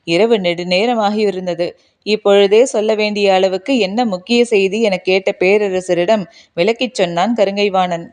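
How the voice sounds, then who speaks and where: A woman reading a historical novel aloud as an audiobook narrator, in a measured, formal literary way. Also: medium pitch, fairly even intonation, a little mellow. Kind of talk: storybook narration.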